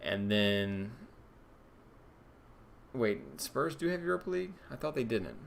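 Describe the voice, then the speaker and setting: Low-voiced man thinking aloud on stream. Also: big pitch swings, unhurried, gravelly, slight background noise. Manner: casual, answers viewer questions, many fillers. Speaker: fantasy football streamer.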